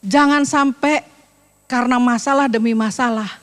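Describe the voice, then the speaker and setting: A woman pastor preaching a sermon in a lively, joking, colloquial way. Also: on the high side, moderate pace, big-room sound.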